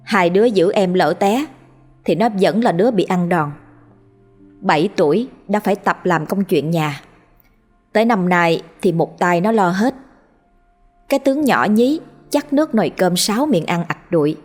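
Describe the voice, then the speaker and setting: A woman with a Southern Vietnamese accent narrating a story in a steady, even scripted style. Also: fairly low pitch, normal speed. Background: faint music.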